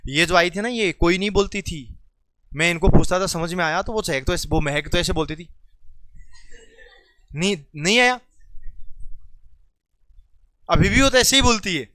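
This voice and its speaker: Bright, crisp Rajasthani-accented male teacher. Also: high voice, normal speed, long pauses, no echo. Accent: Rajasthani Hindi. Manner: teasing, coaxing students by name; loud calls to class, then quieter explaining. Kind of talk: classroom lesson. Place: classroom.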